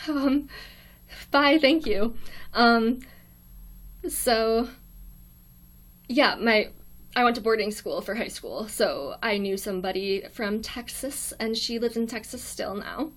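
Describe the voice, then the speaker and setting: A young American woman with a slightly high voice talks softly and a bit shyly on a livestream, answering viewer comments one by one. She fills her pauses with ums and small laughs, and her tone stays friendly and low-key, like someone chatting from a quiet dorm room. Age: young adult. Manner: shy and quiet, laughs often, many ums. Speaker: livestream host. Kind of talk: casual livestream chat, reading viewer comments aloud.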